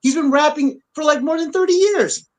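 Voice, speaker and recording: Brief: high-voiced male podcast co-host, blunt and profane, repeats himself mid-rant. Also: normal speed, low-quality recording. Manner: blunt, repetitive, profane, animated. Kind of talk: heated opinion rant. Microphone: on camera.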